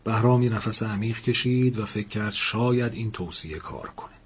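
The storyteller is male, his pitch fairly low with a breathy edge. He narrates with energy and acts out the people in the tale when they speak.

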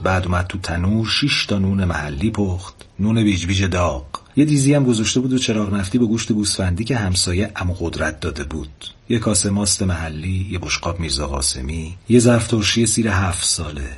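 A man hosting a show and telling a story, gentle and expressive in his narration. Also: deep voice, slightly rough. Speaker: storyteller host.

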